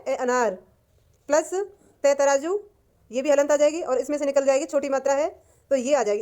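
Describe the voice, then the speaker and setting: Lady teacher walking through a lesson, high voice, patient, repeats stuff, keeps clearing her throat. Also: darkish tone. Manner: patient, repeats and translates each word. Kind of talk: explaining a textbook lesson.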